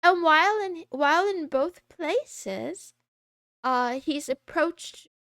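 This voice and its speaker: A woman's voice: sits high, animated, slow pace, fairly bright tone, no echo, studio quality. A woman streamer chatting casually through a voice changer, rambling and laughing often as she talks. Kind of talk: casual chat.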